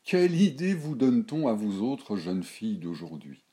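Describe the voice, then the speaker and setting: A proud old noblewoman in a storybook, lecturing with scorn and worldly certainty, as a man reads her in his own low, dark voice. Her speech is declamatory and slow-built. The tone stays mellow and deep. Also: very animated. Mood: indignant. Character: indignant aristocratic old grandmother, worldly and scornful.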